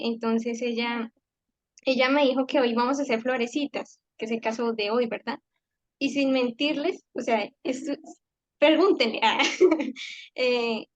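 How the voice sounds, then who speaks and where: Woman, higher pitch, conversational storytelling, hesitant restarts, dull lo-fi recording. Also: no room sound. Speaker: class participant. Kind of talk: personal reflection in a faith group class.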